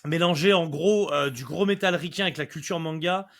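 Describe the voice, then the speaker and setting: A man co-hosting a casual music podcast, sarcastic and teasing. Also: on the high side. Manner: fast, sarcastic banter. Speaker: podcast co-host. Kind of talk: casual music review chat.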